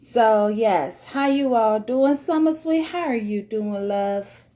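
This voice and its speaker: Chatty high-voiced woman host. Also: takes it slowly, mellow. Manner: chatty, upbeat, laughs often. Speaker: podcast host. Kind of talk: casual live-stream interview.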